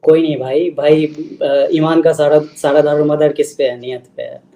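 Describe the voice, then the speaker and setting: A man's voice: on the high side, little pitch movement, normal speed, dark tone, slight background noise, poor audio. A man in his twenties calling in to a debate, defensive and mixing in English as he argues his side. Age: 20s. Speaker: caller. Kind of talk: casual debate call.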